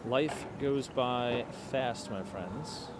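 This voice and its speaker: A man's voice: medium pitch, extremely slow. Late-twenties male vlogger, casual walk-and-talk, street noise in the mix. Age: 20s. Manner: chatty, thinking aloud with fillers and asides to viewers. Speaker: livestream walking vlogger. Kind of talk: casual livestream chat while walking. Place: outdoors on cold city streets at night.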